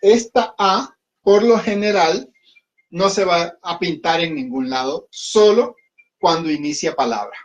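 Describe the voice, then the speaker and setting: Slow, high-voiced man teaching a class. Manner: patient, repeats words and asks "¿ok?" often. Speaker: Hindi teacher. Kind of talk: classroom lesson at a whiteboard. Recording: dull lo-fi recording.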